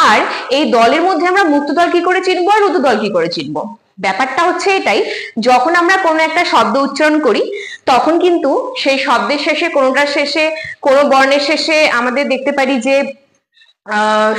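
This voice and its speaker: A woman's voice: high voice, fairly bright tone, reverberant, rough recording. A woman teacher giving an online lecture, explaining terms step by step, often repeating key words and checking whether students follow. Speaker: Bengali literature teacher.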